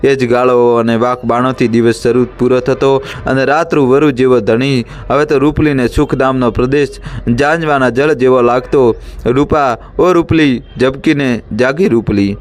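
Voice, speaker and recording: Man narrating a story, steady pace. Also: mid-range voice, moderate pace.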